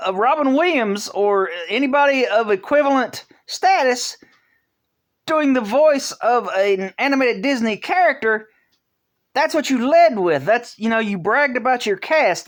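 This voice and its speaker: In a mid-range voice, this vlog's host offers offhand opinion commentary, sincere and chatty yet stop-start, often restarting phrases and filling gaps.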